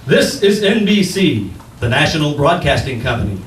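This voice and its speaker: A fairly high-voiced man acting as a 1940s radio announcer delivers friendly, polished sponsor copy. It is recorded at a distance on an echoey stage. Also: very animated, normal speed, loud music behind the voice. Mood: formal. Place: live stage in arts center.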